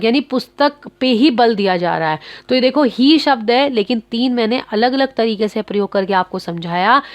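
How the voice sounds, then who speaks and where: A woman's voice: a little high, no room sound. A woman teaching grammar to schoolchildren, patient, asking questions and answering them herself.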